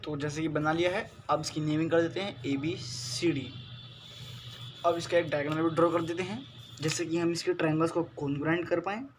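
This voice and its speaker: Male math tutor, high voice, patient step-by-step classroom delivery, Hindi-accented English terms, faint hiss behind. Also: fairly even intonation, moderate pace. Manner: patient, repeats questions to students. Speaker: math teacher. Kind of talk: classroom lesson.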